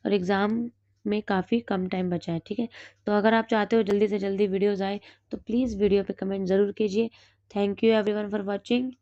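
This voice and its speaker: A woman with a hoarse throat, teaching exam notes and asking and then answering her own quick questions. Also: mid-range voice, steady tone, mellow, no echo, muffled recording. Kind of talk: reading through study notes.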